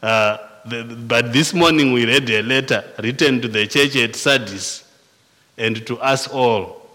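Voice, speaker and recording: A man with a Zimbabwean accent preaching a sermon, slow and deliberate, often restarting and repeating words as he goes. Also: mid-range voice, sharp tone, long reverb tail. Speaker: pastor.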